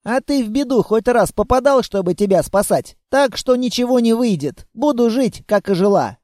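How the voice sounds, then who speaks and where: A man voicing a stubborn, excitable young girl in an audiobook, with quick, indignant outbursts. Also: very high voice, no room sound, clean studio sound, pitched above the performer's own voice. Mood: bossy. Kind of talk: audiobook character voice.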